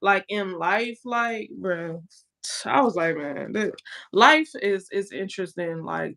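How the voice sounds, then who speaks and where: A woman's voice: on the low side, creaky, fairly bright tone. A woman co-hosting a casual podcast chat, telling stories in a laid-back, profane, slangy way. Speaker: co-host.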